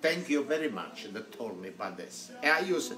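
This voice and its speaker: A man's voice: medium pitch, big pitch swings, normal speed, bright, forceful tone. A man in his eighties with an Italian accent, chatting in broken English while cooking live in his home kitchen, filmed on a handheld phone. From Italy. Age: 80s. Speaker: home cook host. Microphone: handheld phone camera. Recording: echoey kitchen with faint music.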